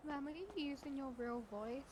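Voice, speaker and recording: Woman, somewhat high voice, casual mechanic in roleplay, quick and a bit stumbling. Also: very noisy. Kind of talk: in-character roleplay chat.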